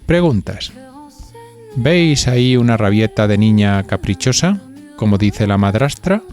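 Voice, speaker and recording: This man hosting a podcast, accented from Spain, alternates between scripted narration and casual questions for listeners. His lowish voice sounds animated yet unhurried and a little mellow, with soft music in the background.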